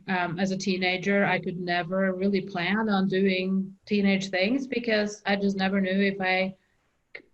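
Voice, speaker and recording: A middle-aged Norwegian woman with a Norwegian accent tells her story as an interview guest, hesitating with frequent ums and restarts. Her voice is lowish, and the recording sounds muffled.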